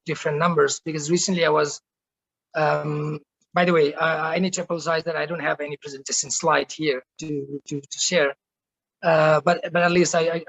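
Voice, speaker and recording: A middle-aged man from Nepal speaking on a panel, halting, with many restarts and fillers. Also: a little high, a bit bright, no echo, poor audio. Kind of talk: online panel talk. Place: home office in Rwanda.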